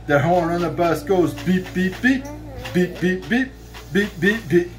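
His voice sits high with lively intonation as a man in his thirties unhurriedly sings a children's song from a book to his child. He's lying on a bed in a bedroom, playful and sing-song, lengthening the ends of lines, filmed by a camera a few feet off.

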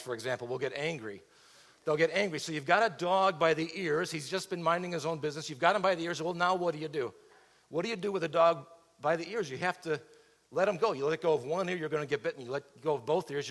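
A man's voice: a little high, fast, fairly bright tone. A middle-aged man preaching a sermon, asking the congregation rhetorical questions as he paces the stage. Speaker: pastor. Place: large church auditorium stage. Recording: reverberant church hall.

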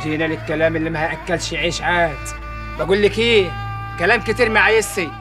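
A man's voice: fairly high pitch, fairly even intonation, fast talker, close to an everyday voice. An actor playing a callous young man with an Egyptian accent, talking in a scornful, dismissive way. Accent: Egyptian Arabic. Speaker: film actor. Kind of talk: film melodrama acting. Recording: music score behind. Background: film score music.

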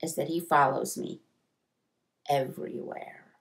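A woman voicing a quiet, shy fifth-grade boy in a storybook read-aloud. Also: fairly low pitch, lively intonation, moderate pace, slight background noise. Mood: earnest. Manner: soft, quiet.

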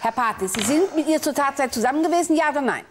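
An actress playing a judge in a scripted courtroom show, firmly pressing a witness for a yes or no. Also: female voice, high-pitched, lively intonation, quick pace, noisy background. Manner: firm, pressing questioning. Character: stern, firm female judge.

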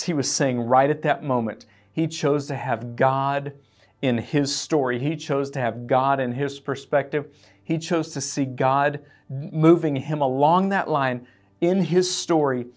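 A pastor preaching an earnest, emotional sermon and reading scripture aloud. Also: male voice, mid-range voice. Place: church.

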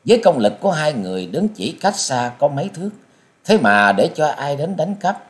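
A man reading a martial-arts novel aloud as an audiobook, in an expressive, dramatic storytelling manner. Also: a little high, moderate pace. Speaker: audiobook reader.

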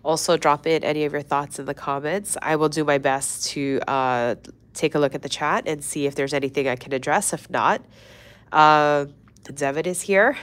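Woman, young adult, low voice, stuffy congested nose, chatty livestream host, casual tutorial talk. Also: fairly even intonation, moderate pace. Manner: chatty, friendly, many fillers and restarts. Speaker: host of a weekly nail art livestream.

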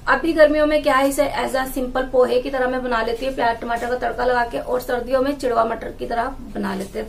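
In a casual home vlog, a woman in her thirties shows her groceries, chatting and explaining as she handles jars and bags. She has a high-pitched voice, there's slight background noise, and she's in a small indoor room with tiled walls and a wooden door.

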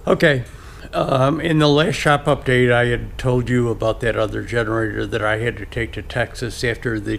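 A man in his fifties giving a casual workshop update from a large indoor garage, talking haltingly with many fillers and throat clearing. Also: mid-range voice, a bit bright. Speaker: restoration shop owner. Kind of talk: casual shop update vlog. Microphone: action camera on head or chest.

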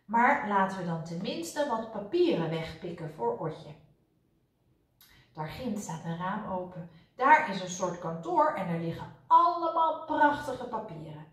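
A woman's voice: mid-range voice, very animated, measured pace, far from the mic. A woman voicing an eager, proud male sparrow in a storybook read-aloud, her voice lifted a little. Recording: roomy echo, voice off-mic.

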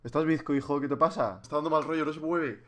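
A young man with a Spain Spanish accent, joking and animated through comedic video commentary. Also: a little high, fast, noisy background. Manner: animated, joking, swings into silly voices. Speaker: video creator.

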